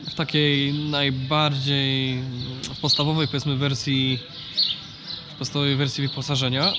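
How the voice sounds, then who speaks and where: A man's voice: mid-range voice, flat delivery, normal speed, heavy background noise. Nasal, stuffed-up man vlogging casually. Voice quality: nasal, congested from a blocked nose. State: blocked nose from an allergy. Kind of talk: casual explanatory vlog about farm machinery.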